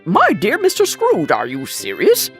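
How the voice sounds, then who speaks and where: Woman doing a polite storybook gentleman, totally astonished, voice swooping up and down, music behind. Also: mid-range voice, wildly swooping pitch, unhurried, gravelly, heavily acted. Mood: astonished gratitude. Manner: courteous, exclamatory. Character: astonished, grateful well-to-do gentleman. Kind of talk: storybook character voice.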